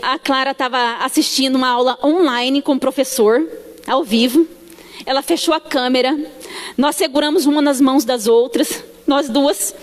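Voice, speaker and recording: A woman's voice: sits high, fairly even intonation, moderate pace. A woman with a Brazilian Portuguese accent gives a church testimony in a sanctuary. She tells her story with feeling and acts out the dialogue. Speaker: church member giving testimony. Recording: long church hall reverb.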